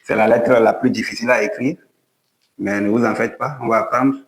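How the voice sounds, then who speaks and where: A man's steady, mid-range voice comes through a roomy, low-quality recording as he teaches at a board. The language teacher patiently guides learners step by step through writing and reading an alphabet's letters, stroke after stroke, at a slow pace.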